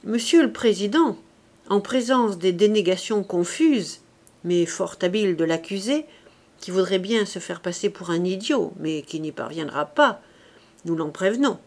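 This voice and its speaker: A woman's voice: mid-range voice, lively intonation, measured pace, a little mellow, pitched below the performer's own voice. A woman voicing a stern male public prosecutor who speaks in a severe, formal, accusing way.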